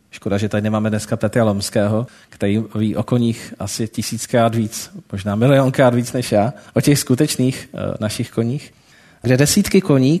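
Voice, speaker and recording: A man's voice: medium pitch, a little mellow. A man telling a moral story in a sermon, breaking off now and then for casual asides to his listeners.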